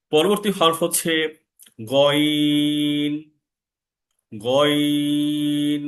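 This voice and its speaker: A man teaching an online Quran recitation lesson, slowly drawing out Arabic letter sounds and reciting short phrases. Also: fairly high pitch. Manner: slow, drawn-out demonstration of Arabic letter sounds.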